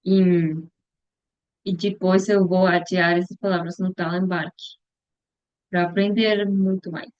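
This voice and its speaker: A young woman talking slowly and hesitantly in a casual vlog about her upcoming mission, often stopping to search for words and restarting her sentences. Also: lowish voice, little pitch movement, no echo. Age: young adult. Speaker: future missionary practicing a language. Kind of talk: casual reflective vlog monologue. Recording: dull, dry lo-fi recording.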